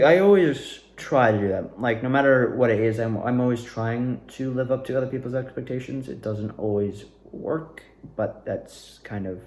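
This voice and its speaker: This young video maker and amateur actor speaks in a medium-pitched, slightly mellow voice, musing casually to viewers without a script. He rambles hesitantly and frequently trails off, and the room echoes.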